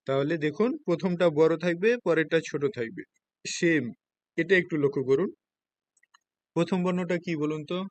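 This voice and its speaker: A man with a slightly high voice teaches hiragana in Bengali, speaking with a Bangladeshi accent at a moderate pace and pausing often. He patiently explains each step of the Japanese lesson, frequently checking that students understand, and there's no echo.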